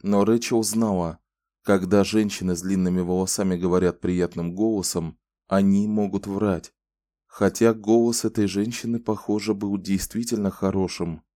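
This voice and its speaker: A male narrator reads an audiobook in a calm, measured way, his voice low, dark and mellow. He is close to the mic, and the recording is dry with no room sound at all.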